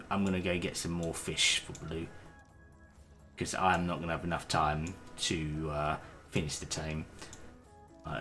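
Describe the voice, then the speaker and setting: A man streaming a game, chatting casually with hesitant, rambling talk and the odd swear. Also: low voice. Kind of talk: casual gaming stream chat.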